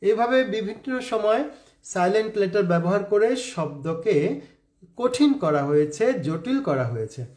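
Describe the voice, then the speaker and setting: High-voiced man spelling words out. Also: lively intonation, measured pace, darkish tone, echoey room. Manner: spells words out letter by letter, addresses viewers as friends. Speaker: English teacher. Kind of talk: spelling lesson.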